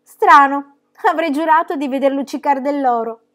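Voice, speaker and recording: A woman reading aloud, voicing a bold, cheerful girl who tells tall tales with lively exclamations. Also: high voice, normal speed, voice pushed up. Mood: bold, cheery.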